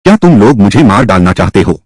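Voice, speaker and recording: A man's voice: lowish voice, big pitch swings, fast, darkish tone, dry recording. A man voicing a spoiled young woman in a dubbed drama, whiny and pleading.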